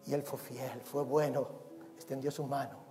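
A male pastor, preaching a sermon with passion, swinging from loud cries to hushed tones. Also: medium pitch, level tone, moderate pace. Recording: long reverb of a hall, faint music behind.

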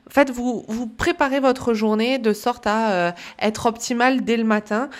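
A woman wellness coach giving casual spoken advice to listeners, chatty and full of pauses with "euh" and "hop". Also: a little high, steady tone.

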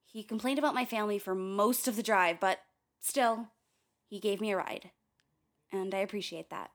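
With music playing underneath, a woman voices an uneasy, wry young filmmaker who narrates a radio play frankly and confidentially, drifting off on tangents and cursing. She speaks naturally at a medium pitch and normal speed.

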